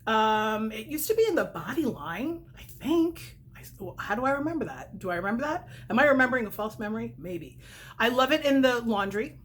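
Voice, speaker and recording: A middle-aged vlogger and direct-sales consultant in New York, United States, chats animatedly about products she's reviewing, talking a little fast in a slightly high, husky voice. She rambles, corrects herself, and stays candid throughout. Whistling, slightly spitty s sounds stand out.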